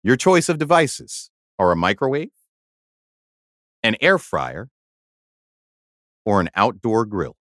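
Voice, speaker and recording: A man's voice: on the low side, slow pace, pauses often, no echo, clean studio sound. A man co-hosting a podcast in casual chat, telling stories with lots of laughter and repeated words. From Haiti. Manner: animated storyteller, laughs often, repeats words. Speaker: podcast co-host.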